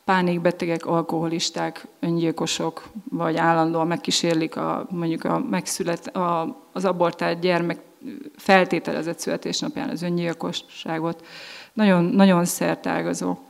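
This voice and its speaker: A woman with a lowish voice tells her own story as a personal testimony, earnest and measured. She hesitates and restarts often as she searches for her words. Her voice carries a long reverb, as if she were recorded in a hall. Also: flat delivery, vocal fry. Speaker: speaker giving a personal testimony.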